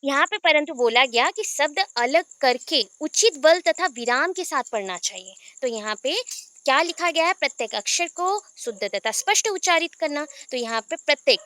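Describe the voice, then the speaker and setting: A woman teaching a class in a high, bright voice, firing questions at her students and drilling syllables aloud. The recording is dry and close, with no room echo. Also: animated, normal speed. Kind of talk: online class lecture in Hindi pedagogy.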